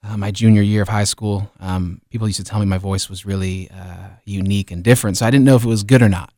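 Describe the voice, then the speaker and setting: A man in his thirties, born in Liberia, telling his life story as a musician guest in a radio studio, relaxed and full of fillers. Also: lowish voice, quick pace, no room sound. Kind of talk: casual interview.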